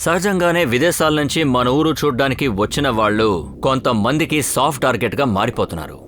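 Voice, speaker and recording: A man's voice: mid-range voice, animated, fast talker, close to an everyday voice. A man playing a grave crime-show narrator, giving scripted dramatic commentary to viewers. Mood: grave, questioning. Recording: clear ambient noise behind.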